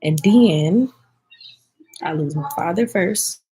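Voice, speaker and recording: Lady vlogging to her viewers, low husky voice, teary, calls everybody y'all. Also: slow, warm tone, poor audio. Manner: heartfelt, speaks directly to viewers as y'all. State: teary-eyed. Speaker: vlogger answering viewer comments. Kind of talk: casual emotional chat.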